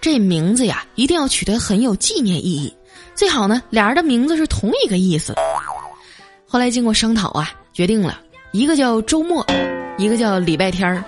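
A woman's voice: fairly high pitch, big pitch swings, fairly quick, music in the background. A woman streamer telling comic stories in a chatty way, drawing out her sentence particles. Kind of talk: comic storytelling.

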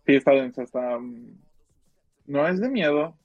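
A man's voice: mid-range voice, expressive, measured pace, dull audio, soft background music. A man with a northern Mexican accent chatting casually in slang as a podcast co-host, rambling and repeating his phrases. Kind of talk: casual slangy chat about films and music.

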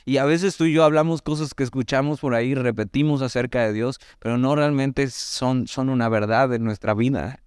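A Mexican man preaching in a relaxed, conversational sermon style, with a Mexican Spanish accent. His voice is smooth and resonant at a mid pitch. It is recorded close and dry, with no room sound. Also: no echo. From Mexico, Veracruz. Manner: conversational, animated asides, reads scripture slowly. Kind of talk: sermon, Bible teaching.

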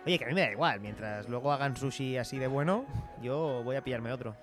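Brash fast-talking guy. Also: medium pitch, over music. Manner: brash, says tío a lot. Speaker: sketch comedy performer. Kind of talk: comedy radio sketch.

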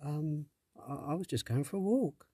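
A man's voice: on the high side, normal speed, dark tone, breathy edge, no echo, clean studio sound, voice pushed up. A man voicing a curious young girl who questions things earnestly in a raised voice.

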